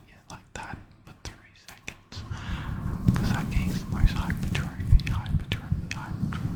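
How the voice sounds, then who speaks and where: A man whispering a gym ASMR voice-over right in the ear, breathy and close to a fluffy-covered mic, softly repeating words and phrases. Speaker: fitness vlogger.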